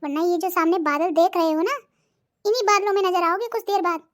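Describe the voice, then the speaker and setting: A voice artist playing a bossy, sharp-tongued middle-aged cartoon wife who nags and threatens. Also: very high-pitched, fairly even intonation, fairly quick. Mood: nagging. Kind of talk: cartoon voice acting.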